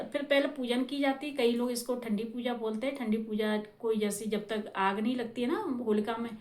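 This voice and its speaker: A woman's voice: on the high side, echoey room. A woman explaining festival rituals in a casual, explanatory way, often checking in with her listeners.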